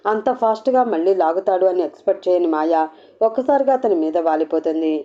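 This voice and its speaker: A woman narrating an audio novel in a steady, expressive storytelling manner. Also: fairly low pitch, a little fast. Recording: dull lo-fi audio.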